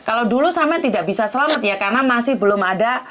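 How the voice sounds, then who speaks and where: A woman's voice: on the high side, animated, fast, fairly bright tone. A woman hosting a live-stream interview, probing and often asking for confirmation. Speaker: host.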